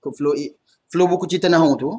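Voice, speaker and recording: A man with a Malaysian accent runs an online class over a computer mic. His voice is a little high and husky. He keeps it loose and chatty, joking with his students. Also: steady tone, fast, darkish tone. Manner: casual, chatty, laughs often. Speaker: Arabic teacher. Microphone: computer mic on video call.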